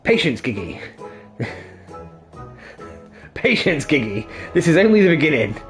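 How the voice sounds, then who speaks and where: A man doing Hildibrand, pompous gentleman inspector. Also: a little high, big pitch swings, unhurried, faint music behind, pitched above the performer's own voice. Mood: grandiose. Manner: florid, theatrical, self-important.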